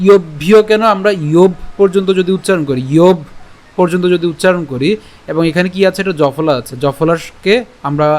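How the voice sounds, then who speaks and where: A man teaching Sanskrit verse pronunciation in an online lesson, breaking words into syllables slowly and checking with rhetorical questions. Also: fairly high pitch, darkish tone.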